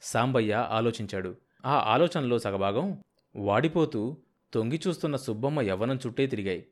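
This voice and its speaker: A male narrator reading a novel aloud for an audiobook. His delivery is steady and measured. His pitch sits in an ordinary middle range.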